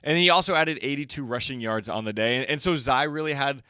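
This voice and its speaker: A man co-hosting a casual football stats show, upbeat and joking, rattling off stats quickly. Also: medium pitch, pushed and bright, clear, resonant tone, dry recording, clean studio sound. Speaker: co-host of a high school football stats show. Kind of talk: casual sports chat.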